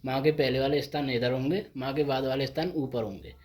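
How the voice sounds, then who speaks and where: A man's voice: medium pitch, steady tone, brisk, darkish tone. Man teaching step by step. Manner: repetitive, asks and answers his own questions. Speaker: shorthand teacher. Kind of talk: board lesson explaining step by step.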